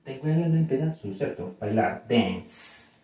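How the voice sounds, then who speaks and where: A male English teacher with a Colombian Spanish accent, explaining a lesson slowly and checking that his students follow. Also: mid-range voice, expressive, warm tone. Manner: slow, explanatory, switches between two languages, often checks understanding. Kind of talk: classroom video lesson. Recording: very echoey room, mic far off.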